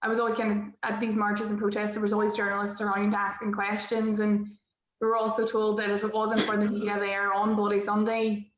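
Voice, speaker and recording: A woman's voice: medium pitch, completely flat delivery, brisk. Derry woman in a roomy, muffled recording. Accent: Derry, Northern Irish. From Derry, Northern Ireland. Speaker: political correspondent. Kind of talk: personal account on a panel. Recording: roomy, muffled, faint background noise.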